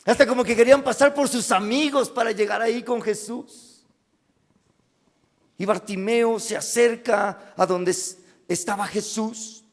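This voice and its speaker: A man with a Mexican Spanish accent delivers a dramatic sermon in a high, unhurried voice. He builds to loud cries and then sinks to hushed, near-whispered lines. The sound carries a long reverb from the church hall. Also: fairly even intonation. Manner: dramatic preaching, rising to loud cries and dropping to hushed asides. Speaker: pastor.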